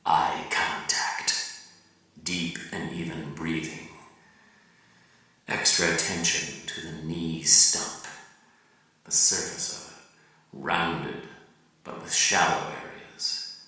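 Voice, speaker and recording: Performing a novel excerpt, a male reader gives a dramatic, raconteur-style monologue, theatrical and deliberate with his pauses as he swings between hushed and emphatic. His voice is a rumbling low with a steady tone. He sounds distant from the mic in an echoey room.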